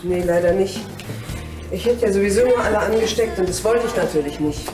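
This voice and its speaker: A woman's voice: mid-range voice, brisk, distant mic, lightly acted. Homely mother in an echoey room played by actress. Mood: friendly, chatty. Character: worried, homely middle-aged mother, friendly and chatty. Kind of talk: TV drama acting. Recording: echoey room, music, clinking dishes.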